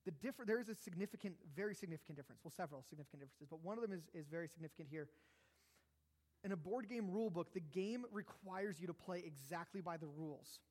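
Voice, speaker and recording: A man's voice: high-pitched, fast talker, a little mellow. A man preaching a sermon, conversational and self-deprecating, with jokes and asides. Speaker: pastor. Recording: long hall reverb.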